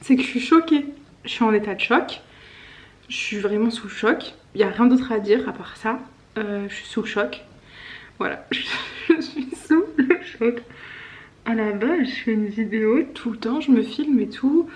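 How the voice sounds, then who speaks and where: A woman's voice: on the high side, lively intonation, a little slow, a little mellow. A young woman vlogging in a nervous, casual way, often dropping to a whisper. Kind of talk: casual vlog.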